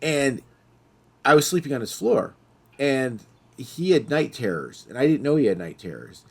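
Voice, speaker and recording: A man's voice: mid-range voice, moderate pace, vocal fry, husky. A middle-aged man hosting a podcast, telling stories in casual chat and acting out the voices of the people in them. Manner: animated storyteller, acting out quoted voices. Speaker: podcast host.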